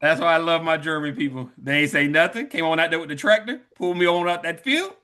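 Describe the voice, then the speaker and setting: A man's voice: on the high side, fast talker, pushed and bright. A man joking and bantering with friends on a podcast in casual chat, chuckling between lines. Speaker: podcast co-host.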